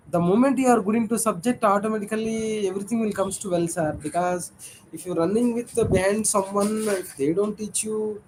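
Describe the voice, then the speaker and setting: A man's voice: high voice, darkish tone, a little hiss or hum, poor audio. A man from South India with a Telugu accent, talking informally as an advocate and repeating words emphatically. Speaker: tax litigation advocate. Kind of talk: informal professional discussion.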